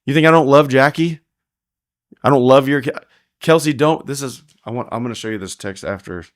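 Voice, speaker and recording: A man's voice: medium pitch, fairly quick, dry recording, clean studio sound. A man guesting on a podcast, telling stories casually and animatedly, acting out what others said. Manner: animated retelling, acting out quoted talk; frequent laughter, restarts. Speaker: podcast guest, rodeo heeler. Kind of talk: casual storytelling in a podcast interview.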